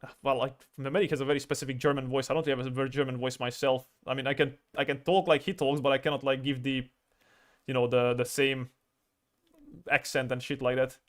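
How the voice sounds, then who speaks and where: A man's voice: medium pitch, flat delivery, quick pace. A man livestreaming as an artist, chatting casually while he draws, rambling, stammering and swearing freely. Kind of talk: casual chat while drawing on stream.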